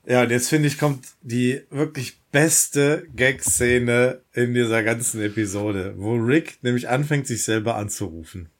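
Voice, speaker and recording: A man's voice: medium pitch, measured pace, hardly any pauses. Enthusiastic man recapping a scene. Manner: enthusiastic storyteller, quotes scenes. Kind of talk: casual podcast chat about a cartoon episode.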